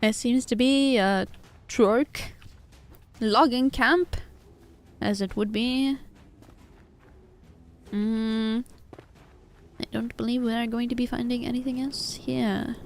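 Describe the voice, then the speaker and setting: A woman's voice: a little high, steady tone, takes it slowly, pauses often. A woman streaming a game, speaking in a stiff, formal put-on character accent while greeting raiders and chatting. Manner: greets raiders and chat warmly. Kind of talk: live gaming stream chat.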